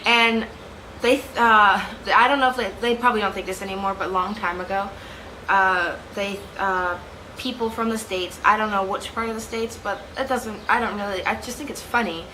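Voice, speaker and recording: Chatting casually to her camera in a room at home, a young woman vlogger with a Canadian accent rambles, giggles and corrects herself at normal speed. Her voice sits mid-range, the recording is rough, and a running fan gives off steady noise behind her.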